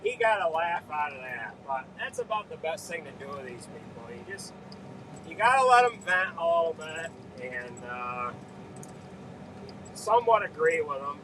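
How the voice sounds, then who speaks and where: A man's voice: a little high, sing-song, normal speed, a bit bright, a little hiss or hum, poor audio. A man, a farmer, casually telling a story to his live stream viewers while loading hay, easygoing and laughing things off.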